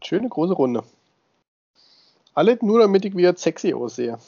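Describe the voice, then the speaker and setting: A man's voice: high-pitched, big pitch swings, moderate pace, gravelly, mellow, no echo. A married man in his thirties co-hosting a casual podcast, joking in easygoing banter. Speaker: podcast co-host. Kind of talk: casual chat. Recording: dull dry sound.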